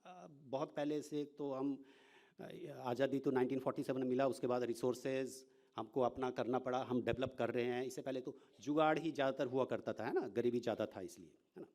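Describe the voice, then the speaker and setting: A male professor giving an informal lecture, animated and often checking in with rhetorical questions, mixing English words into his speech. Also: mid-range voice, fairly quick.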